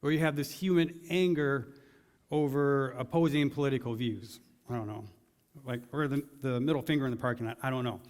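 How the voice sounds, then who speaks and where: A man delivers a conversational sermon from a church stage, talking to the congregation in a laid-back way and asking them question after question. His voice sits at an ordinary middle pitch. A long reverb trails after every phrase, as in a large hall. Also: brisk, a little mellow. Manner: casual, asks the congregation many questions. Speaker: pastor.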